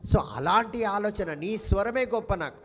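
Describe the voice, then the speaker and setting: A man's voice: high-pitched, lively intonation, measured pace, in a large hall. A man preaching a sermon as pastor, stirring the congregation with questions and emphatic repetition.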